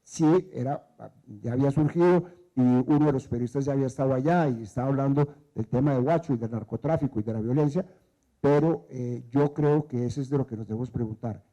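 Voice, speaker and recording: A man's voice: medium pitch, brisk, warm tone. A man speaking on a panel, reflective and raising questions. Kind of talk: panel discussion. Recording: dull lo-fi event recording.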